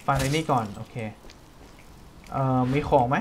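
A man with a Thai accent giving casual, jokey let's-play commentary, breaking into quick startled exclamations. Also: medium pitch, fairly even intonation, slight background noise. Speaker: gaming streamer.

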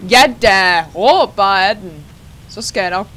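A young adult host giving let's-play commentary over a game, excitable, laughing often and dropping English words into the talk. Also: medium pitch. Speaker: gaming channel host.

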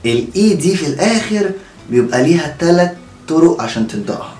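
Lively Egyptian man teaching pronunciation. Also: a little high, roomy sound, soft background music. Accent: Egyptian Arabic. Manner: energetic, repeats words slowly and checks with "okay?". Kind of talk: online lesson, modelling word pronunciation.

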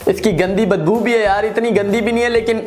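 A Pakistani man in his twenties hosts a video about experiments, chatting to camera with casual enthusiasm and frequent repetition in a Pakistani accent. His voice is high, steady, slightly fast and a touch mellow, recorded indoors in a plain-walled room with music playing in the background.

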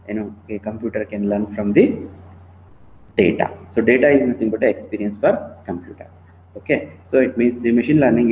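An Indian-accented man lectures his students in an online class. He speaks at a middle pitch, halting and repeating himself as he explains. The sound is narrow and phone-like, as on a poor call connection, with noise behind the voice. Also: roomy sound. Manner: halting, repetitive, often checking in with "okay". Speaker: teacher giving an online class. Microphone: online meeting call.

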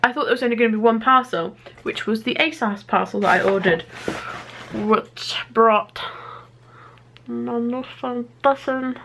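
A young woman, talking to the camera at home in a casual daily vlog, chatty and excitable with many fillers. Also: on the high side, moderate pace, slight background noise. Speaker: vlogger. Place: at home indoors.

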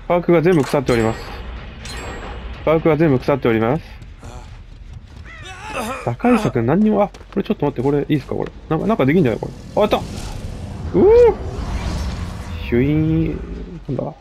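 A man with a gravelly voice, chatting casually and mocking himself as he comments on his own game play. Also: on the high side, lively intonation, quick pace, long pauses, darkish tone, a little hiss or hum. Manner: chatty, self-mocking, frequent laughs. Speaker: gameplay commentator.

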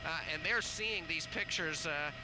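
A male news reporter giving a live aerial report, halting with fillers, over a live feed that keeps breaking up. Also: on the high side. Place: inside a helicopter over a flooded city. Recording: loud helicopter noise over live link.

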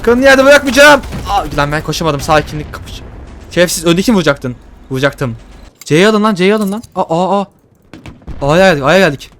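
A man with a somewhat high voice talks through a shooter match, excitable and quick to curse at the game. Faint gunfire and explosions sit behind him. His commentary is loose and casual. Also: a little hiss or hum. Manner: excitable, swearing, joking at the game. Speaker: gaming YouTuber.

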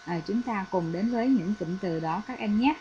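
A woman's voice: medium pitch, moderate pace, dark tone, dull audio, a little hiss or hum. A woman from Vietnam, an English teacher, explaining a lesson patiently with frequent fillers. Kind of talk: recorded classroom lesson.

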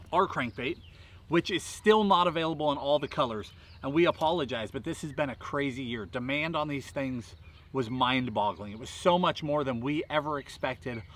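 A fishing channel host in his thirties sits at a lakeside park giving an energetic outdoor tackle tutorial. His medium-pitched, slightly bright voice comes in emphatic, rhythmic repeated bursts, with faint outdoor ambience behind it.

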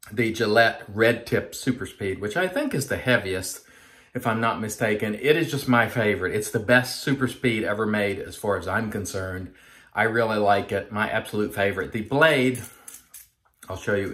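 A man's voice: on the low side, a bit bright. A man in his forties, host of a shaving channel, talking earnestly and casually to the camera while he lathers and shaves in a small home bathroom. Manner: chatty, earnest, addresses viewers as folks.

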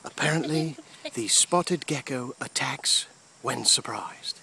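A man hosts a playful homemade mock wildlife documentary, theatrical, sometimes hushed and repeating his phrases, in a medium-pitched, slow, creaky voice. He films outdoors in a grassy yard by trees from behind a handheld phone camera, and the phone audio picks up insect noise.

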